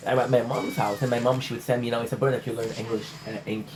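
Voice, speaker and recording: Racing along in a medium-pitched, fairly flat voice, the French-speaking vlogger from Montreal, Canada rambles with stammering restarts and casual swearing. His casual channel chat plays against a noisy background.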